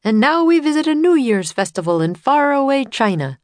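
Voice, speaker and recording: A woman's voice: high voice, sing-song, moderate pace, dry recording, voice pushed up. A woman voicing a male tour guide who announces sights through a megaphone in a grand, sing-song way. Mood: announcing.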